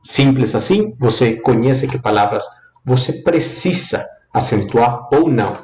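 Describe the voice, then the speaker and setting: A male Spanish teacher streaming a live lesson, his pitch swinging up and down as he drills the rules. He repeats phrases in a singsong way and slips between Portuguese and Spanish. The room gives his voice a noticeable echo. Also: animated, a little slow, a little mellow. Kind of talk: live online language lesson.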